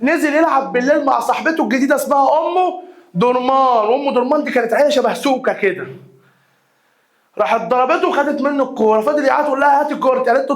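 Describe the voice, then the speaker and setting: A young man with an Egyptian Arabic accent teaching an exam review lesson, repeating key words and quizzing his students. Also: extremely high pitch.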